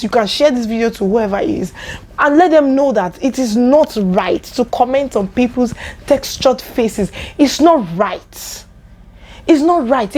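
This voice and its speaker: A woman's voice: on the high side, a little mellow. A young Nigerian woman vlogger with a Nigerian accent, ranting angrily to camera and firing off exasperated rhetorical questions. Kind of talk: angry rant to camera.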